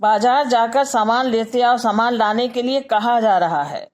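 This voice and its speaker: A woman speaks in a fairly high pitch with a Hindi accent. Teaching grammar in an unhurried lecture, she voices sample sentences slowly and follows each with an explanation.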